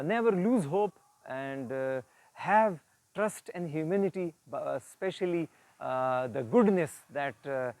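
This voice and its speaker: This storyteller and presenter has a somewhat high yet gravelly, darkish voice, recorded very dry with hardly any room reflection. Earnest and didactic, he informally retells an inspirational moral story, explaining as he goes and halting often to repeat words before the next phrase comes.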